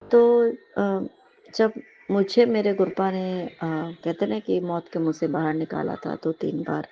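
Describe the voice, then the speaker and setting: A woman speaking, sharing a devotional testimony with a congregation in halting speech full of fillers, often turning to address her listeners respectfully. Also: on the low side, gravelly, dark tone, dull audio, slight background noise.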